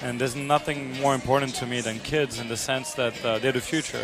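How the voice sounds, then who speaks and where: A man with a French accent talks earnestly as a guest on an interview show, his sentences full of ums and restarts. His pitch sits mid-range for a man. Music plays clearly behind him throughout. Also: steady tone, brisk. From south of France. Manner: earnest, many fillers and restarts. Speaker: guest, charity supporter and restaurant owner. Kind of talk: conversational interview. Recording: music playing underneath.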